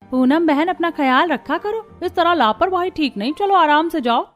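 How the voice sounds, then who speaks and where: A woman voicing a concerned middle-aged female neighbor in an animated cartoon, who scolds in a high, shrill voice. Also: normal speed, soft background music. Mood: worried.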